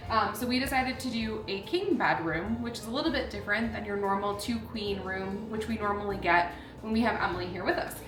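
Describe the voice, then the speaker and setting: A woman's voice: a little high, reverberant, noisy background. A woman hosting a travel vlog, chatting in an upbeat way and giving a descriptive room tour. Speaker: vlog host.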